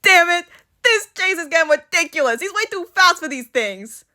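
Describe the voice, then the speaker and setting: A woman's voice: high-pitched, big pitch swings, a little fast, pushed and bright, exaggerated voice. A woman voicing a smug, scheming male villain who commands drones. He talks in a theatrical, taunting way and turns exasperated when things go wrong. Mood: frustrated.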